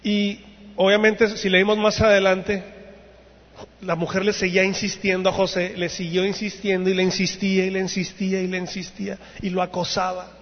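A man preaching a sermon to young people, telling the story in an animated way and acting out the voices in it. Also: high-pitched, moderate pace. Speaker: youth preacher. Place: church hall. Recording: dull sound, long hall reverb.

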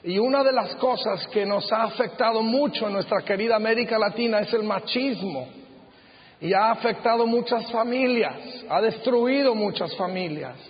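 Male preacher, middle-aged, high-pitched, earnest and measured; muffled recording with long reverb from a big auditorium. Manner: earnest, measured preaching with slow emphatic phrases. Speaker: pastor. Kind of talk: sermon. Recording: dull sound with long hall reverb.

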